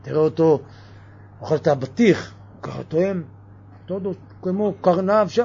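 A man giving a lively religious sermon, firing off mocking rhetorical questions. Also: on the high side, creaky, dull audio, a little hiss or hum. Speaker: preacher.

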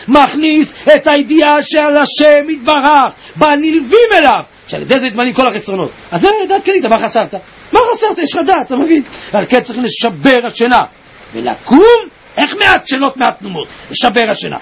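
A man giving an impassioned sermon, swinging between tearful shouts and low, quiet murmurs, with a husky voice. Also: lo-fi sound. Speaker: preacher.

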